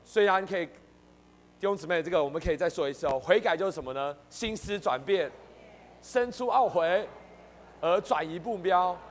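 A man's voice: high voice, normal speed, in a large hall, a little hiss or hum. A man leading a church Bible study, earnestly repeating key points and calling the group to read along.

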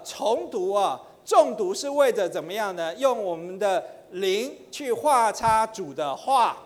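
A middle-aged man teaching in church, chatty with many fillers, slowing into chanted prayer. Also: sits high. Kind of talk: sermon teaching. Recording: long hall reverb.

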